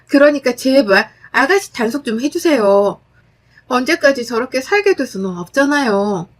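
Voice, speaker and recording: A woman with a high voice narrates a dramatic first-person story. Her delivery is blunt and firm, sharp-tongued when she argues. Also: animated, moderate pace.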